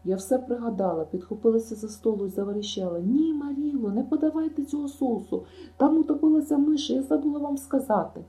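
Woman reader as an imaginative girl, dramatic and talkative, mellow and warm tone. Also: mid-range voice, fast, hardly any pauses, reverberant, natural voice, rough recording. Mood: gushing. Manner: breathless, gushing storytelling. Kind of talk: audiobook reading.

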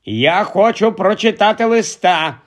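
A man's voice: sits high, expressive, unhurried, pitched above the performer's own voice. A man doing a whiny spoiled boy. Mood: demanding. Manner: whiny, loud, demanding. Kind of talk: audiobook character voice.

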